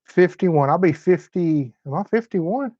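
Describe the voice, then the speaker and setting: A man's voice: sits high, expressive, unhurried, mellow, no room sound, lo-fi sound. A man of fifty hosting a live-stream chat from his home, reading viewer comments in a folksy, laid-back Southern way. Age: 50s. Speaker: host.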